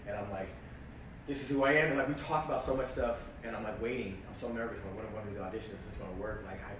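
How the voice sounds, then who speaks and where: A young man telling a story in casual chat, animated and full of "like", acting out his own reactions. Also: lowish voice, very fast. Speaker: actor telling a story on a livestream. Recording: echoey, distant mic, faint noise.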